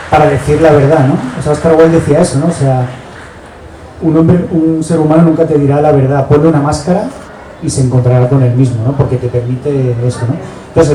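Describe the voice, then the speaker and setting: Forties Spanish man, an author talking through his book, thoughtful and halting, mid pitch, picked up from afar in a noisy hall. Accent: Spanish from Spain. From Barcelona, Spain. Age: 40s. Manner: reflective, halting, tags sentences with "¿no?". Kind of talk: book presentation talk. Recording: echoey hall, distant mic, background noise.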